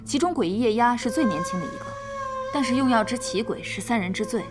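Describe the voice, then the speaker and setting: A woman's voice: on the high side, animated, fast, over loud music, lightly acted. An actress as a shrewd spymaster woman. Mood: briefing. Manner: self-assured, briefing crisply. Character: shrewd female head of an information hall. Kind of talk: period drama acting.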